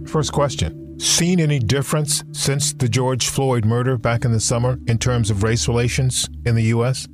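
A man's voice: mid-range voice, steady tone, normal speed, hardly any pauses, over music. A male podcast host who introduces his guest and asks direct questions. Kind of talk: interview hosting.

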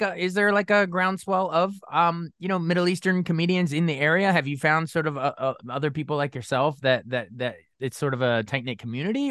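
A man's voice: fairly high pitch, fairly bright tone, clean tone, dry recording, studio quality. A man interviewing a guest for radio, stumbling and repeating words as he shapes his questions. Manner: halting, repeats words while forming questions.

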